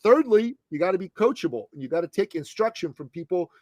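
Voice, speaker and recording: His voice is high-pitched and sing-song, a little fast, with a dark tone, and the audio is dull with no echo. He's a Middle Eastern success coach in his late fifties, punchy and emphatic on a podcast, repeatedly calling the host "brother" and "man."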